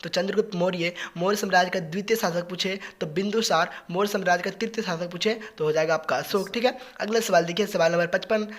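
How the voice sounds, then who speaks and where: Exam-prep teacher, very fast speech, rapid-fire question revision, close voice-over. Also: mid-range voice, fairly even intonation. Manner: talks fast on purpose, repeating "okay, next question" between answers.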